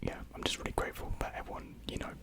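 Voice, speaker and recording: A young adult whispers softly and breathily into a close mic during a casual ASMR chat. They answer viewer comments at a rapid-fire clip, hesitant, rambling and self-deprecating.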